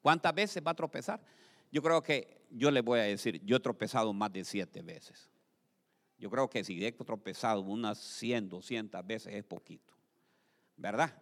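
A man preaching a sermon in a church, moving between loud exclamations and soft asides, and asking the congregation to repeat his phrases. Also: lowish voice, unhurried. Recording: long hall reverb.

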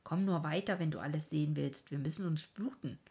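A woman voicing a kindly, somewhat fussy old King of Dreams in a storybook reading, speaking warmly and patiently with a breathy voice. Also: low voice, fairly quick, full character voice.

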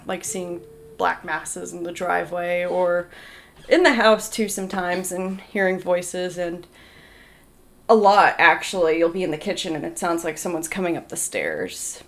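A woman's voice: lowish voice, steady tone, moderate pace. A young adult woman, a podcast guest, earnestly telling stories in casual chat with many fillers. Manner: earnest, filler-heavy storytelling.

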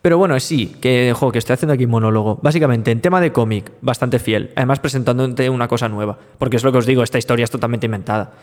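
A man in casual podcast chat reviewing a film, animated and talking over himself. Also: mid-range voice, quick pace, hardly any pauses. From Latin America. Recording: roomy reverb.

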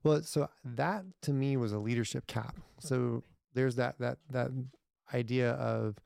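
A man's voice: mid-range voice, fairly even intonation, unhurried, vocal fry, a little mellow, no room sound, studio quality. A man talking as a podcast guest in casual interview chat, rambling with many restarts, blunt and sometimes profane.

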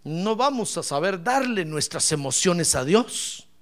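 A male pastor preaching a lively sermon, asking the congregation questions and swinging from shouts to soft asides. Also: high voice, a little slow. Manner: animated, playful, asks the congregation questions; bursts into shouts then drops to soft asides.

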